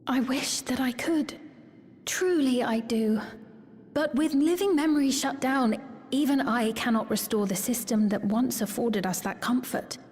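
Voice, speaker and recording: A woman acting as a gracious young queen in a video game, gentle, regal and formal in her measured delivery. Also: fairly high pitch, natural voice. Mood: soft, regretful. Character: gracious young queen, kind, calmly reassuring her people. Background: prominent background music.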